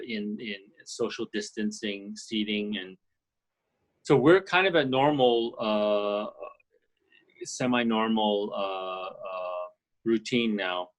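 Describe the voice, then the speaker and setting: A man's voice: on the low side, fairly bright tone. A middle-aged man from Canada, chatting as an interview guest over a video call and talking thoughtfully, with many fillers and restarts. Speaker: guest, orchestral percussionist. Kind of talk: casual interview chat. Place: ski and golf resort, indoors.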